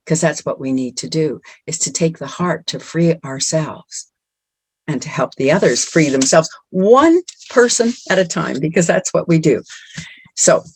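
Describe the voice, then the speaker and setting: A woman's voice: deep voice, a little mellow, husky, dry recording. A middle-aged woman giving an earnest, encouraging motivational talk, often repeating words for emphasis. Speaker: speaker at a women's empowerment event.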